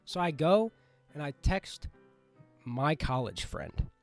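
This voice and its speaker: A young man telling a rambling, excitable story in a casual vlog, swearing and mocking himself. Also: a little high, slow pace, vocal fry, soft background music. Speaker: storytime vlogger.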